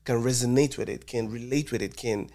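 Animated Nigerian man with a Pidgin lilt. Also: mid-range voice, a little fast. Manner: animated, mixes in Nigerian Pidgin, laughs often. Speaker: Afrobeats artist guest. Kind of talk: casual podcast conversation.

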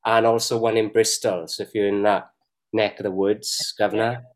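A man's voice: on the low side, level tone, moderate pace. A man co-hosting a beer review show, chatty and jokey, often laughing. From Wales. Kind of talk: casual banter.

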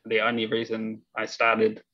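A man's voice: completely flat delivery, a little slow, bright, forceful tone, lo-fi sound. A young man with a New Zealand accent chatting casually as a podcast guest, laconic and noncommittal. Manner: low-key, laconic, noncommittal. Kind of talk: casual chat.

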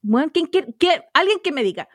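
A young woman with a Chilean accent, co-hosting a casual chat and telling animated stories with slangy asides. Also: high-pitched, no room sound, studio quality. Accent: Chilean Spanish. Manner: animated storyteller, quick slangy asides and laughter. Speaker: podcast co-host. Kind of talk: casual chat among friends.

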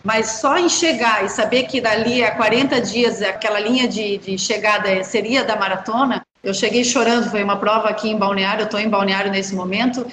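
A woman, a journalist and runner, telling stories in a chatty, animated way as an interview guest. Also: mid-range voice, a little fast, few pauses, roomy sound. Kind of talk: casual interview chat.

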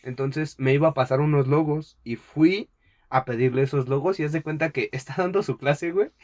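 A man's voice: fairly high pitch, a little fast, muffled recording. A young man with a Mexican Spanish accent, chatting casually as a podcast host and telling a story full of slang, acting out what people said. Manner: animated storyteller, slangy, acts out quotes. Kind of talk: casual chat.

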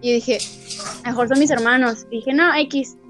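A woman's voice: high-pitched, normal speed, soft background music. A young adult woman with a Mexican accent, a podcast guest telling a story in casual chat, acting out the voices she quotes. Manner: animated, acts out quoted voices and laughs.

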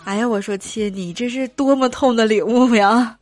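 A young woman performing a stand-up comedy story, animated and trailing her phrases with drawn-out particles. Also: fairly high pitch, music in the background. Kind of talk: comic storytelling monologue.

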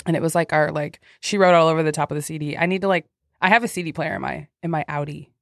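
A woman co-hosting a podcast in casual chat, teasing and quick to laugh. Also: low voice, fairly even intonation, no echo, clean studio sound. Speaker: podcast co-host.

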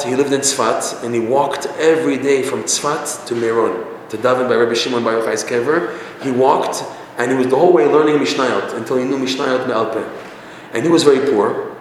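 A man teaching a religious lesson through a story, conversational with frequent restarts. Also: mid-range voice. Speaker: Torah teacher. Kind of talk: storytelling sermon. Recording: echoey hall, faint noise.

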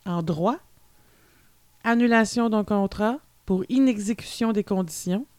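A woman's voice: mid-range voice, a little slow, a little mellow, no echo. A woman with a Québécois accent, co-hosting a podcast and reading dictionary definitions in a chatty way, with many fillers. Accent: Québécois French. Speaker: podcast co-host. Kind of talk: casual chat.

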